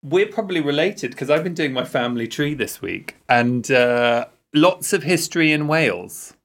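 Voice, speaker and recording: A man's voice: fairly high pitch, animated, moderate pace, a bit bright, no echo. A man hosting a podcast in a casual, conversational way, musing and inquisitive. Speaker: podcast host.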